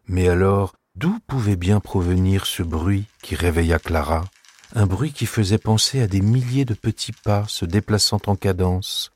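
A man narrates a storybook in a calm, measured way. His voice sits low and a bit husky. The sound is close and dry. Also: no room sound.

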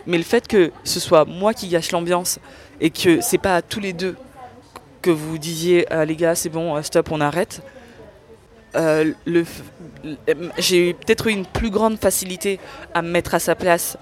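A young woman in an interview, speaking candidly and earnestly about her own experience, often pausing to search for words. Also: on the low side. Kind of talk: candid personal testimony.

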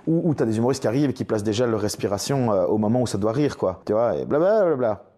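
A young male comedian talks quickly in a low, dark voice and tells stage anecdotes in a relaxed podcast conversation. He slips into other people's voices as he retells their lines. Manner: lively storyteller who acts out other people's lines. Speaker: stand-up comedian guest.

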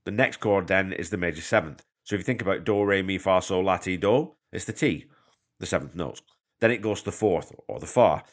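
Recorded on a portable mic in a hotel room, this is a casual podcast monologue by a male host from Canada. He talks low and a bit quickly, sounding slightly stuffed up from a cold, with a chatty, self-deprecating manner and patient explanations.

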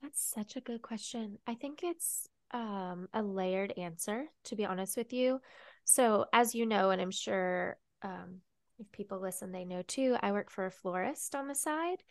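A woman's voice: medium pitch, unhurried, darkish tone, dry recording, clean studio sound. A young woman co-hosting a casual podcast chat, chatty and tearful, with a sniffly voice and lots of fillers. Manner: chatty, emotional, says "like" often. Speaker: podcast co-host.

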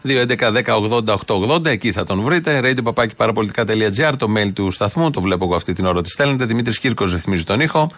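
A man's voice: lowish voice, animated, hardly any pauses, a bit bright, no echo. Man, radio host, sarcastic, emphatic, dry studio sound. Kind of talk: satirical radio monologue.

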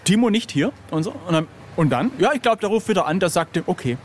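Fast-talking and animated, a middle-aged man with a high voice recounts anecdotes in an interview about his illustration career. His manner is casual and self-deprecating, and noticeable background noise fills the recording.

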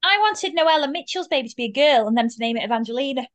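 A British woman co-hosting a TV rewatch podcast, chatting casually and dropping quick teasing quips. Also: high-pitched, lively intonation, a bit bright. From Britain. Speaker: podcast co-host. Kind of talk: casual chat.

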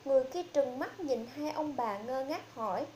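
A woman's voice: high voice, expressive, moderate pace, darkish tone, slight background noise. A woman reading out a horror story as a storyteller, playing all the characters herself with little change of voice.

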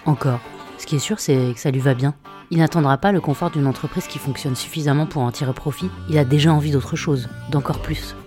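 A podcast host reading a scripted introduction to the episode, brisk and composed. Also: mid-range voice, steady tone, darkish tone. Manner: brisk, read aloud. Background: guitar music.

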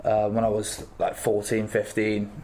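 A young man in his twenties speaks in a low, level voice with little rise and fall. He answers interview questions haltingly, pausing and filling gaps as he goes. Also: completely flat delivery, a little mellow. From England. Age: 20s. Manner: halting, with many pauses and fillers. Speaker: rugby player guest.

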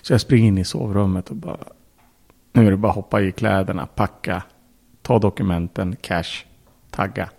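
A man's voice: low-pitched, darkish tone. A man, a podcast guest, telling a story in casual speech, bluntly, with swearing and acted-out quotes. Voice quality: gravelly, husky.

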